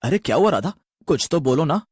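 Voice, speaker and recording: A man voicing a mocking rich child who teases a poor girl, sneering and taunting, in an animated story. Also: fairly high pitch, fairly quick, slightly rough, no echo, clean studio sound.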